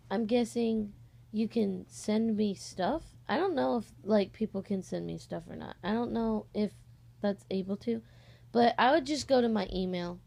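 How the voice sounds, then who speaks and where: On a cheap, slightly distorted mic, a 16-year-old girl from an amateur voice-acting channel gives a rambling, hesitant, casual announcement like a vlog. She has a warm, creaky voice of medium pitch.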